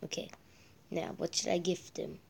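A man's voice: a little high, little pitch movement, normal speed, vocal fry, a little hiss or hum. A male gameplay vlogger chatting casually while he builds, often muttering and half-whispering as he counts blocks under his breath, with rambling asides.

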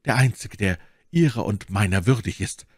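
An eager young swordsman declaring his devotion, ardent and a touch raised in pitch, as a male reader plays him. His delivery is lively and declamatory. Dry, close sound. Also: normal speed, breathy edge, no echo. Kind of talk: audiobook character voice.

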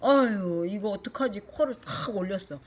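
An older woman, a grandmother, reading a picture book to her grandchild, lively and chatty with little asides. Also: medium pitch, normal speed. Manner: animated, shifting into character voices and asides.

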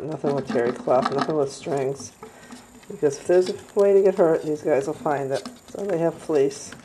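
Low-voiced woman giving a casual tour. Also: noisy background. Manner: gentle, chatty, coos at animals. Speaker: squirrel rehabilitator. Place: indoor rehab room with cages.

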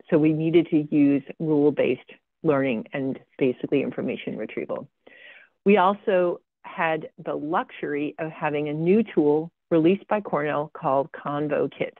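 Her low voice comes through thin, phone-like video call audio with no room reverb as she walks through slides on her own research. A guest presenter, she says "um" a lot and slips in sarcastic, deadpan remarks.

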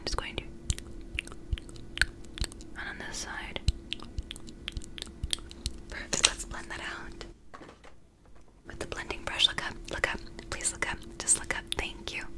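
A young woman in a whispered role-play as a makeup artist, speaking in fast, insistent ASMR style with repeated phrases in a breathy whisper, close to the mic. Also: rough recording. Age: 20s. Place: small indoor room.

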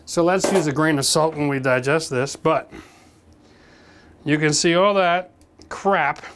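A man's voice: on the high side, unhurried, noisy background. A man in his forties hosting a renovation show, giving a direct, practical how-to demonstration from a gutted bathroom. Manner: direct, practical, addresses viewers as folks. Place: gutted bathroom in an old brick building, indoors.

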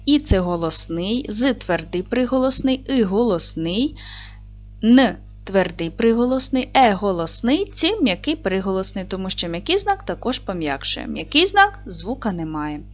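A woman teacher giving a video lesson to young children, speaking slowly and clearly, drawing out words for dictation and encouraging the class. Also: medium pitch, sing-song, soft background music. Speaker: primary school teacher.

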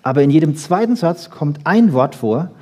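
A man with a fairly high, expressive voice, a little mellow and husky, speaks at normal speed. He delivers an animated, informal lecture on brain research to an audience, conversational in tone, using rhetorical questions and short emphatic lines.

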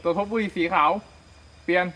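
A man's voice: sits high, steady tone, fairly quick, pushed and bright, rough recording. A man answering as a radio operator in a military radio drill, heard over a walkie-talkie, with clipped, formal call phrasing.

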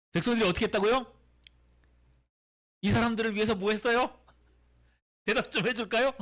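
A middle-aged man, a youth pastor, preaching a sermon to teenagers and asking them question after question. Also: a little high. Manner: animated, asks the audience many questions.

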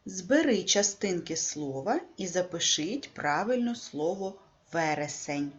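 A woman teacher reads a scripted primary-school writing lesson, dictating slowly and stressing the syllables. Her voice sits a little low, with a lively, rising and falling pitch. The recording sounds dull and lo-fi. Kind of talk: scripted classroom lesson narration.

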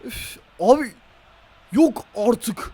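A man playing a football video game and reacting out loud, groaning and shouting at the referee and his players. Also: extremely high pitch, lively intonation, very slow, slightly rough. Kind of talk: casual let's-play reaction.

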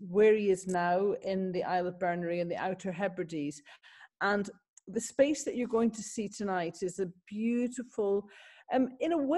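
A woman's voice: mid-range voice, dark tone. A woman in her fifties hosting an evening video talk, introducing the speaker with many fillers. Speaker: host. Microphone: laptop camera, video call.

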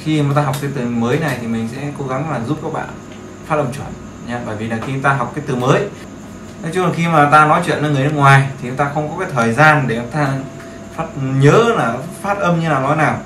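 A man's voice: medium pitch, quick pace. A man teaching beginners in a casual, chatty way, repeating himself and often checking that his students follow. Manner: chatty, repeats phrases, seeks agreement. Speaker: English teacher. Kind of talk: casual screen-share lesson. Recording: echoey room with faint background noise.

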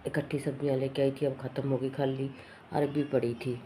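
A middle-aged woman with a hoarse throat from a cough, chatting casually and rambling through her day at home in a vlog. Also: extremely low pitch, flat delivery, fairly quick, dark tone, a little hiss or hum. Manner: rambling, matter-of-fact. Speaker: vlogger.

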